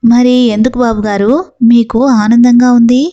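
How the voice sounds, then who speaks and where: Timid, fawning male servant voiced by a female narrator, pleading tone, mellow and a bit high. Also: little pitch movement, normal speed, dry recording, dull audio, lightly acted.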